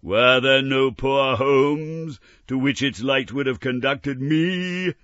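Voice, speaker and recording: A tormented chained spectre, put on by a man reading a storybook, who wails in slow, drawn-out cries. The voice climbs well above the reader's own. It sounds bright, dry and a little dull. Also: lowish voice, no room sound, voice pushed up. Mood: mournful. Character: wailing chained male ghost, anguished and solemn.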